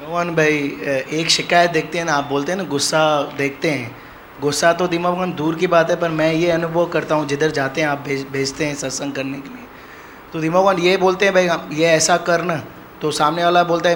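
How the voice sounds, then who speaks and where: A man's voice: fairly high pitch, a bit bright, slight background noise. Earnest man sharing at a devotional gathering. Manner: earnest, rambling, repeats a filler phrase. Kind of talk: earnest testimony at a satsang. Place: indoor community hall.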